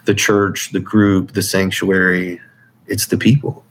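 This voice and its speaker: A man's voice: sits low, little pitch movement, a little slow, slight background noise. A man speaking as an interview guest in a casual, earnest, informal way, circling back over phrases as he gives personal testimony. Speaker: interview guest, military veteran.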